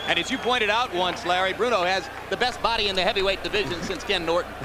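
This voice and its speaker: A man giving ringside boxing commentary in measured, literate, polished phrases. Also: sits high. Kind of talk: play-by-play sports broadcast commentary. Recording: noisy broadcast over loud arena crowd.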